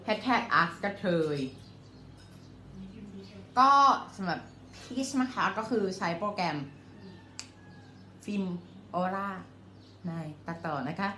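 A woman's voice: medium pitch, animated, slow, pauses often, pushed and bright. A young woman vlogging a casual Q&A at home, chatty and playful, joking and swearing as she reads out comments. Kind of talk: casual Q&A vlog. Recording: roomy with faint background noise.

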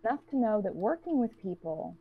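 A woman playing a cold, guarded woman trapped with strangers, who speaks in a blunt, cutting monotone. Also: medium pitch, brisk, slightly rough, phone-quality sound.

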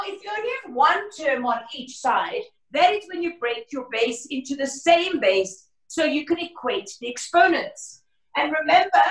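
A woman maths teacher giving an online lesson on a video call, her voice a bit hoarse and croaky, chatty and encouraging with her class. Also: high-pitched, fairly bright tone. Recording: roomy, distant from the mic.

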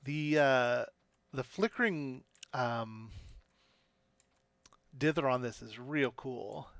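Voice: mid-range voice, slow, no echo. A game streamer giving casual commentary while playing, recorded on a close mic.

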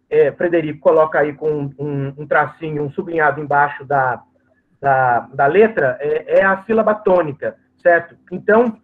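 Guy lecturing on a video call, high-ish voice, lots of "é" pauses, tinny phone-like sound. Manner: hesitant, explanatory, frequent "é" fillers. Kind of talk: academic lecture.

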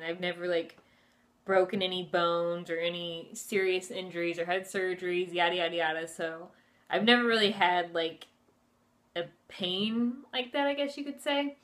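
Her voice lowish, steady, and a touch bright, a woman in her twenties tells a casual personal story to her camera at a moderate pace. She's a vlogger speaking from a furnished room at home, chatty and filling gaps with "like" and "you know."

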